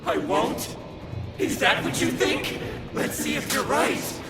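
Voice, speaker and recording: A man's voice: very high-pitched, expressive, slow, full character voice. An actor playing a gleeful psychotic killer in an anime dub, taunting his victims with mock concern. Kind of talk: anime dub villain acting. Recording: echoing voice under loud music.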